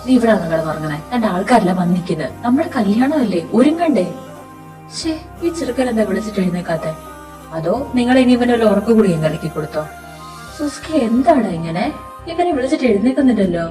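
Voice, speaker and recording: A woman's voice: mellow, recorded from a distance, natural voice. A woman voicing a young man who grieves his friend and turns bitter and vengeful, in a fan audio drama. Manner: bitter, low-spoken, vengeful.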